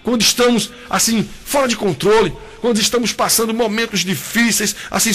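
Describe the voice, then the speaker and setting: A man's voice: high-pitched, fairly bright tone. A man preaching an emotional, pleading sermon.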